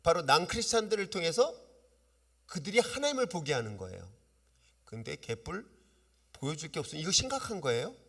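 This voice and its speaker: A man preaching a sermon as pastor, lively and often asking his congregation questions. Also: fairly high pitch, fairly quick, gravelly, pauses often, slightly rough. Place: church sanctuary. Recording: long reverb of a church hall.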